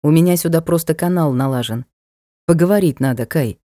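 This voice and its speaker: A woman's voice: sits low, brisk, warm tone, dry recording, clean studio sound, lightly acted. A woman voicing a blunt teasing knight. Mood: brusque. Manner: brusque, teasing, matter-of-fact. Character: blunt mocking young male knight. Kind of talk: audiobook character voice.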